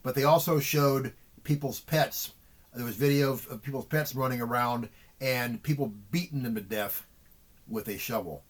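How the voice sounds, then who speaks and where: A man's voice: medium pitch, moderate pace. A middle-aged man talking earnestly to his viewers in a vlog monologue, repeating words and restarting sentences often. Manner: earnest, repetitive, with frequent restarts. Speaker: vlogger. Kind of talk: emotional monologue to camera.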